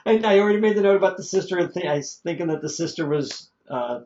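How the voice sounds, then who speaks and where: A man's voice: high voice, animated, fast, a little mellow. A man casually chatting as a podcast co-host reviewing an old movie, rambling and chuckling, tripping over names. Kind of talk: casual chat. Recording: dull lo-fi podcast audio.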